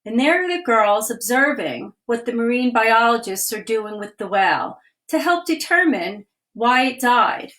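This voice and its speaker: On a live video stream recorded with a phone or webcam, a woman who is a children's author reads a picture book aloud. Her voice is a little high with lively intonation, and she keeps a gentle read-aloud pace, pausing to point out the pictures.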